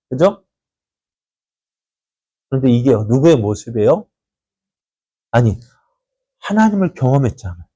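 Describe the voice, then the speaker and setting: Speaking at a fairly high pitch on a dry recording, a pastor delivers a lively church sermon. He quizzes the congregation with questions and performs the voices of the story's characters.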